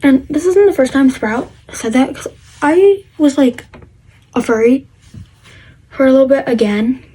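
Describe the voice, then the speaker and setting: Teen girl vlogging her life story, high husky voice, lots of ums and likes. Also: a little slow, dark tone, rough recording. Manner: rambling with many fillers and restarts. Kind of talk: casual storytelling to camera.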